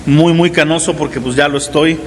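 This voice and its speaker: A fairly high-voiced man in his forties preaching to his congregation in an easygoing, conversational style, tossing in little check-ins with the room. His voice rings out with a long reverb tail, and a faint hiss sits underneath. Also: fairly even intonation, brisk. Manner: conversational preaching with frequent "¿verdad?" asides. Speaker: pastor. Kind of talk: sermon. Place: church hall.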